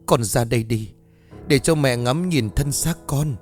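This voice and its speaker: A man's voice: mid-range voice, unhurried, darkish tone, soft background music, lightly acted. A man voicing a frightened middle-aged mother who pleads with her possessed child, desperate and tearful, in a horror audiobook. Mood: pleading.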